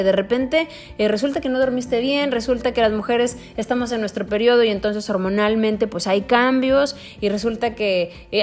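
A woman with a Mexican accent talks casually about raising children. Her delivery is expressive, and she slips into little acted-out quotes and trails through fillers. Faint music plays quietly underneath her voice. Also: mid-range voice. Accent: Mexican Spanish. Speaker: parenting speaker. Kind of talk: casual parenting talk.

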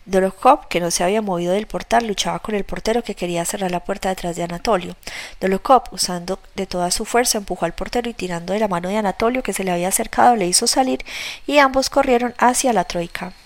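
Woman reading a novel aloud. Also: mid-range voice. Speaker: audiobook narrator. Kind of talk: scripted narration of a novel.

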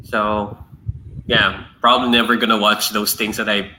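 Bright-voiced man co-hosting a podcast. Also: fairly low pitch, level tone, normal speed, slight background noise, poor audio. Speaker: podcast co-host. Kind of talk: casual chat.

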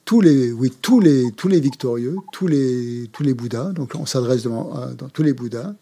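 Male Buddhist teacher, mellow voice, halting course delivery. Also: medium pitch, slightly rough. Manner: hesitant, frequent fillers and repeated words. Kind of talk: explaining a mantra in a course.

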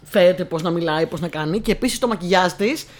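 A young woman co-hosting a casual film chat, talking in a chatty, hesitant way with many fillers. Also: lowish voice. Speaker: co-host.

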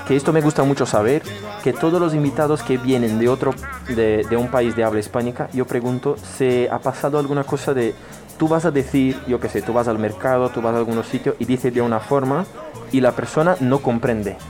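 A man's voice: medium pitch, fairly even intonation, a little fast, darkish tone. A man hosts a casual radio chat in a playful, teasing way, bouncing words back at his guest. His voice sits in a middle range. Faint music plays underneath. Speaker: radio host.

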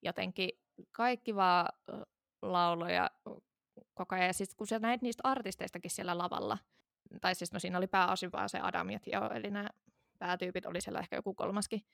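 A woman's voice: lowish voice, fairly even intonation, creaky, fairly bright tone, no echo, clean studio sound. A woman in her thirties, a podcast co-host, chatting casually and rambling with many fillers and restarts. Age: 30s. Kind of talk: casual chat.

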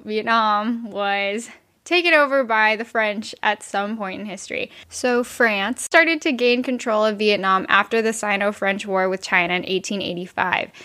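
Female voice, medium pitch, podcast co-host, informal history explainer. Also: bright, forceful tone.

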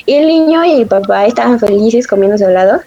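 Young woman chatting, laughs a lot, kinda high voice, muffled lo-fi sound. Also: animated, quick pace, dark tone. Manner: chatty storyteller, laughs often, self-described sensitive. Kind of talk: casual chat. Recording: dull lo-fi audio.

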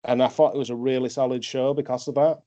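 A man's voice: medium pitch, level tone, fast talker, warm tone, no echo. A man hosting a podcast in a casual, conversational review style. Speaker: podcast host. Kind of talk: casual wrestling review chat. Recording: dull, dry lo-fi microphone.

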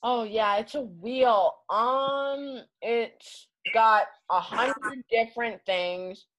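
A woman acting as game master, narrating a tabletop game casually in a halting, improvised way. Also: a little high, a bit bright, low-quality recording.

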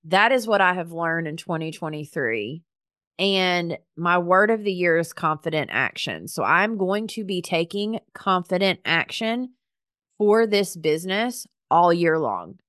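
A woman's voice: on the low side, fairly bright tone, clear, resonant tone, no echo, studio quality. A woman hosting her own podcast as a business coach, talking in a chatty, earnest, faith-filled way with lots of "like" fillers. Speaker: podcast host and business coach for professional organizers. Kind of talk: casual heartfelt solo podcast monologue.

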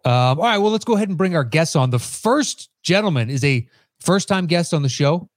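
An easygoing man hosts a casual podcast, his voice sitting a little high. He introduces guests loosely, with plenty of uhs along the way. The recording is dry and close. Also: animated, brisk, no room sound. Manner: easygoing, frequent fillers while introducing guests. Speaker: podcast host.

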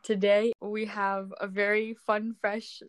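A woman hosts a relaxed podcast and asks her guest friendly, chatty questions. Her voice sits at a middle pitch for a woman, and she talks in a loose, conversational way. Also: takes it slowly, a little hiss or hum, poor audio. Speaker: podcast host. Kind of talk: casual interview chat.

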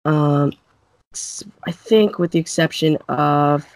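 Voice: medium pitch, slow, no echo. A co-host in a casual sports chat who thinks aloud hesitantly and often agrees. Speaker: podcast co-host.

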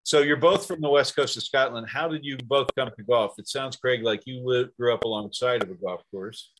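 A man's voice: mid-range voice, a little fast, fairly bright tone. A man hosting a podcast interview, upbeat and enthusiastic as he asks questions. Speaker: podcast host.

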